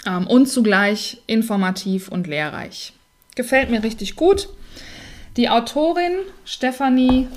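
A middle-aged woman talks through a children's book in an easy, informal review. She chats straight to the listener and gets animated whenever she reads the characters' lines aloud. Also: medium pitch. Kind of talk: casual spoken book review.

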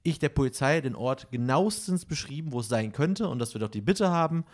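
A man's voice: medium pitch, a little fast. A man in casual podcast chat, telling stories animatedly and acting out what people said. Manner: animated storytelling, acts out dialogue.

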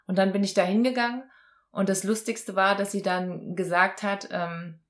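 A woman as an interview guest, telling a personal story in conversation with lively acted-out dialogue. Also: medium pitch, moderate pace. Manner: animated, acts out quoted dialogue.

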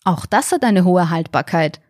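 A woman's voice: lowish voice, animated, normal speed, a little mellow, no room sound, studio quality. A woman voicing a condescending, overly polite male robot shop assistant in a story podcast. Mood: smugly polite.

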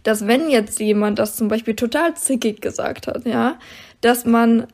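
A woman's voice: a little high, a little slow, a little mellow. A woman co-hosting a podcast, casually and thoughtfully talking about relationships, agreeing and adding nuance. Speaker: podcast co-host.

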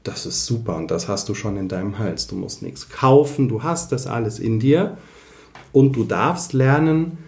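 Male voice coach, low and warm, explains and demos voice tricks, echoey room. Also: animated, moderate pace. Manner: demonstrates voice techniques while explaining. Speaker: voice coach and speech therapist. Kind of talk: explanatory interview talk.

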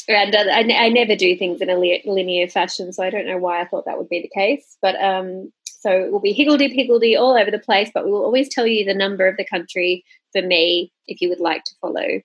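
A woman's voice: mid-range voice, husky, no room sound, poor audio. A woman in her thirties co-hosting a casual travel podcast, chatty and laughing often, correcting herself mid-sentence. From Australia. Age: 30s. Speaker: podcast co-host.

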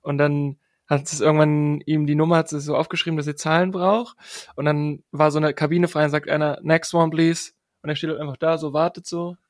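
A young man telling a story in a relaxed, chatty way with youthful slang. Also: a little high, brisk, no room sound, studio quality. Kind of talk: casual storytelling chat.

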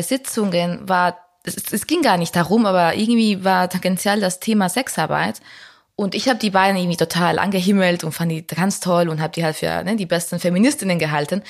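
A young woman from Spain, speaking German in a candid interview, reflective and full of fillers and restarts. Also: fairly low pitch. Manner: reflective, many fillers and restarts, laughs often. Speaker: guest.

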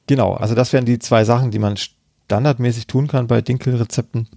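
A man with a gravelly, dark, husky voice, explaining bread baking in a podcast interview. He thinks aloud and fills pauses with many hesitations. The sound is close and dry. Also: mid-range voice, fairly even intonation, no room sound. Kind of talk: podcast interview answering questions.

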